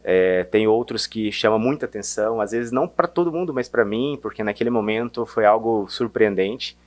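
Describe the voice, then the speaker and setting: Man with a softened Mineiro accent. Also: on the low side, normal speed. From Minas Gerais, Brazil. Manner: hesitant, many restarts and fillers. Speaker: salesman guest. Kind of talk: casual interview chat.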